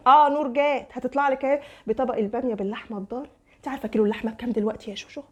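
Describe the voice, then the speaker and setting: Young Egyptian comedienne, high and quick, coaxing and pushy in a comedy sketch. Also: female voice, steady tone, lo-fi sound. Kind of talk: comic one-sided phone-style sketch.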